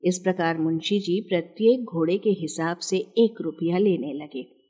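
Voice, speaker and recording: A woman narrating a scripted storybook in a measured, clear storytelling manner. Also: on the low side, dark tone.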